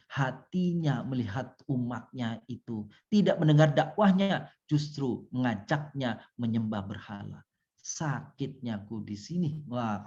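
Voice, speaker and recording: A male preacher gives a religious study talk, his pitch leaping up and down as he acts out the dialogue. He speaks straight to his listeners in a storytelling way. The recording sounds dull and lo-fi. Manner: lively storytelling, acts out dialogue, addresses audience directly. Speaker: Islamic preacher.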